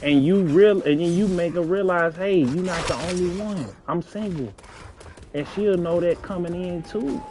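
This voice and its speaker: A man's voice: on the high side, darkish tone. St guy rambling earnest advice while gaming, slangy, repeats himself, little hiss behind. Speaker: gaming streamer.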